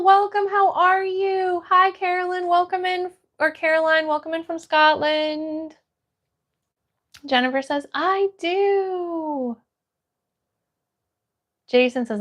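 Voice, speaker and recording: This high-pitched American woman, her tone fairly bright, runs a relaxed livestream chat. Friendly and encouraging, she says hello to viewers by name and reads their comments out loud.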